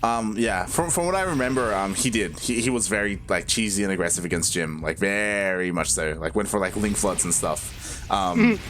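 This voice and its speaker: A man's voice: lowish voice, animated, moderate pace, a bit bright, soft background music. A man giving casual, conversational live commentary on a game in an informal way. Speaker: esports commentator.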